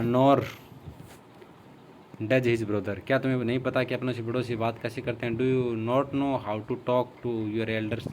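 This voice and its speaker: A man with an Indian accent teaching spoken English. He reads a Hindi sentence quickly, then gives the English translation slowly and deliberately. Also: medium pitch, a little hiss or hum.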